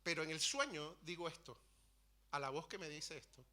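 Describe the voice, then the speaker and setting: A man preaching in a church, recounting his own story earnestly. His voice is fairly high and very bright and ringing, and he often stumbles and restarts mid-phrase. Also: moderate pace. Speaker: preacher sharing testimony. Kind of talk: sermon testimony.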